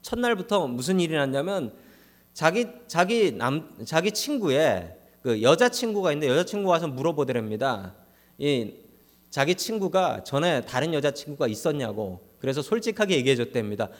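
A male pastor delivers a Sunday sermon laced with jokes, his fairly high voice rising and falling in wide swings. He speaks straight to his congregation and acts out the people he quotes in playful voices. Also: sing-song, moderate pace. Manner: appeals to congregation directly.

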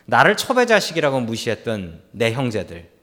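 A man's voice: mid-range voice, wildly swooping pitch, normal speed, fairly bright tone, in a large hall. A man, a pastor, preaching a Sunday sermon and retelling a Bible story to his congregation, voicing its figures and calling out to the listeners. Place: church sanctuary.

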